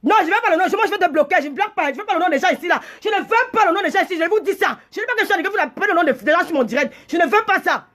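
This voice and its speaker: Agitated female livestream host, very high pitch, indignant scolding delivery with stammered repeats. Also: expressive, racing, few pauses, fairly bright tone. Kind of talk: heated live rant.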